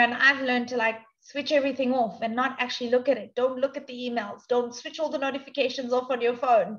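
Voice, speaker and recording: A woman's voice: fairly high pitch, fairly bright tone, highs cut off. A woman hosting an online panel interview, friendly and affirming toward her guests. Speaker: host.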